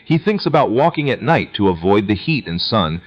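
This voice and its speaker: A man's voice: fairly low pitch, very animated, moderate pace. A man's cloned, synthetic voice narrating a scripted story, with a lo-fi sound. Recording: dull, radio-like lo-fi sound.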